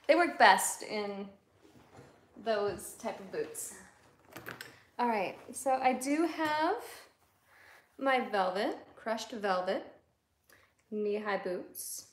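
A woman with an Upper Midwest accent chats through a relaxed livestream show-and-tell at an unhurried pace, her voice sitting a little high. She giggles between thoughts. The small room is echoey, with a faint hiss behind her. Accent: Upper Midwest American. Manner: chatty, giggly, slow-paced show-and-tell. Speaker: livestream host. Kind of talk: casual livestream chat. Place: small salon room with barber chairs, indoors.

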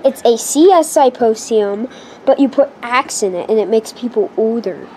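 A woman's voice: fairly high pitch, animated, moderate pace, mellow, slight background noise, natural voice. A girl voicing a know-it-all kid inventor who talks in an offhand, dismissive way.

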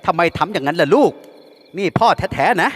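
A woman's voice: lowish voice, expressive, brisk, breathy edge, pitched above the performer's own voice. A man voicing a frantic mother who shrilly pleads with her son, in a storybook reading with long reverb. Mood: pleading.

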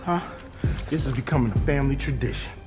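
A man playing a gruff, stern detective. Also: mid-range voice, fast talker, natural voice. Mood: threatening. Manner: gruff, threatening, commanding. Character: tough no-nonsense male detective, stern and gruff. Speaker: police detective. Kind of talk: feature film acting. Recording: film soundtrack with music behind.

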